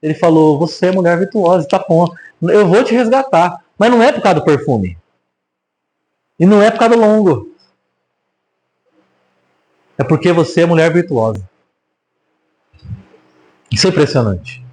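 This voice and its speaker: Speaking at normal speed with long pauses, a man with a high voice and a Brazilian Portuguese accent teaches scripture in an informal preaching manner. He jokes and poses rhetorical questions to the crowd with lively energy, captured on a rough recording.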